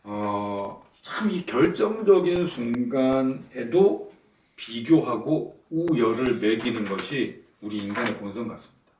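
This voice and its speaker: A man's voice: medium pitch, animated, takes it slowly, darkish tone, a little hiss or hum. A male pastor giving a conversational video sermon who acts out quoted lines with rising emphasis. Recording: roomy, from some distance off the mic.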